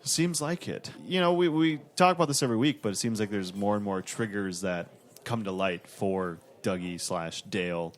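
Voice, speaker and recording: Low-voiced, easygoing man recapping plot. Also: moderate pace. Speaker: podcast co-host. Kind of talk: casual TV recap chat.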